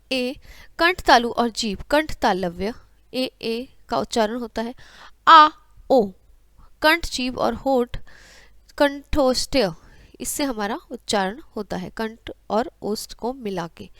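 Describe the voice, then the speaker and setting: A woman's voice: a little high, slow pace, a bit bright, no echo, clean studio sound. Woman teacher drilling grammar. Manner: addresses students as beta, recites letters in drills. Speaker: Hindi teacher. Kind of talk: classroom grammar lesson.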